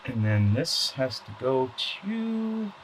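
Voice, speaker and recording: Speaking slowly in a mid-range, sing-song voice, this hobbyist repairs electronics on camera and talks to himself without a script, posing questions and answering them. Clicking and clatter come through clearly in the background of a low-quality recording.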